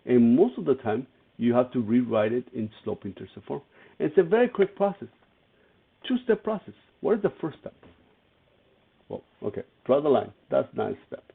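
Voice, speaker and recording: A man's voice: medium pitch, animated, moderate pace, creaky, slightly rough. A man teaching an algebra lesson, walking through each step and asking his students questions as he goes. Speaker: math teacher. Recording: tinny phone-like lo-fi audio.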